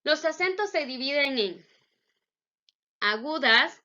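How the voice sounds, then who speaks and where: Woman teacher, bright voice, slightly high, dull lo-fi sound. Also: animated. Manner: slow, carefully enunciated explanations. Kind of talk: spelling and grammar lesson. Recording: dull lo-fi recording.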